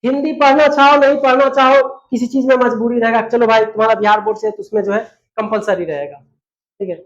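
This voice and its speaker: A man's voice: extremely high pitch, steady tone, fairly quick, dull audio. A man, an English teacher giving a scolding motivational lecture to students. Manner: scolding, lecturing, rhetorical questions.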